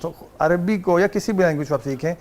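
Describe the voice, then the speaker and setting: A fairly high-voiced man with a Pakistani Urdu accent talks on a talk show as a guest. He tells his stories with animation and breaks into mimicked Arabic phrases now and then. His voice sits a little above the usual male register. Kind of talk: casual talk show conversation.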